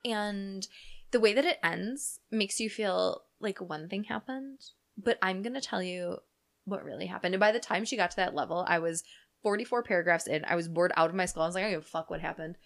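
A woman co-hosting a podcast in casual chat, playful and rambling, quick to joke and laugh. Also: medium pitch, gravelly. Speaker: podcast co-host.

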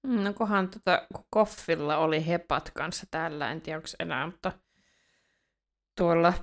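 Low-voiced Finnish woman, chatty recap. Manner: chatty, giggly, reads recap notes aloud. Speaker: podcast co-host. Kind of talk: casual podcast chat and read-aloud recap.

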